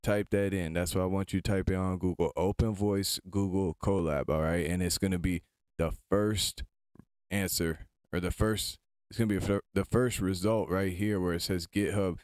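Deep-voiced, casual man giving a tutorial. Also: steady tone, moderate pace, a little mellow, smooth, dry recording. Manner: informal, chatty, step-by-step instructing. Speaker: tutorial host. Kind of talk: casual screen-recorded tutorial.

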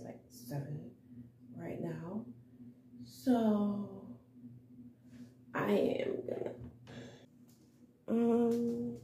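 A young woman vlogs her morning get-ready routine at home in a groggy, creaky, mid-range voice, rambling and chatty with lots of fillers. The indoor recording has a roomy echo and steady background noise.

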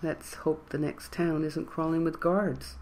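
A storyteller voicing a nervous young woman who talks hushed and under her breath. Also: mid-range voice, little pitch movement, a little slow, natural voice. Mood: anxious. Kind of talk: audiobook character voice.

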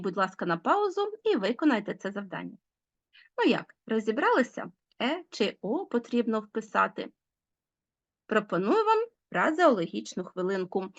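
A woman teacher giving a recorded school lesson, clearly and deliberately dictating example words to pupils. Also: on the high side, lo-fi sound.

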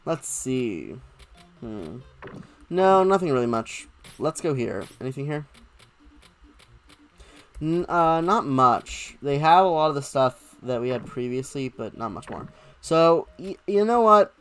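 A woman's voice: extremely low pitch, very animated, measured pace, pauses often, soft background music. A woman giving casual, joking let's-play commentary on a game. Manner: chatty, joking. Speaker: gameplay commentator.

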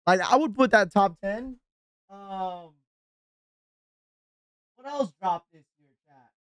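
A man's voice: high voice, slow pace, a bit bright, clean tone, no echo, studio quality. A man live-streaming, reacting in an exasperated, ranting way and thanking subscribers as he talks to his viewers.

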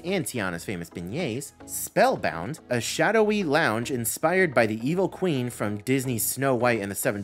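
A channel host reading a news breakdown over slides, listing items with rising emphasis. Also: medium pitch. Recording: faint background music.

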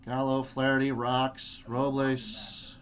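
A man hosting a live card break, reading player names in quick lists with chatty asides. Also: mid-range voice, monotone, a little hiss or hum. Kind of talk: live group break commentary.

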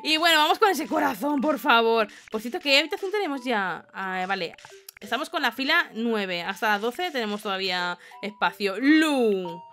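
A young woman giving animated, excited let's-play commentary, often exclaiming and laughing. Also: on the high side, normal speed, faint music behind. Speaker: gaming YouTuber.

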